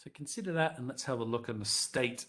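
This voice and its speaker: A man's voice: mid-range voice, fast, fairly bright tone. Male webinar presenter on a headset mic, mid-range voice, chatty and direct with his audience. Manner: conversational, addresses the audience directly and runs live polls.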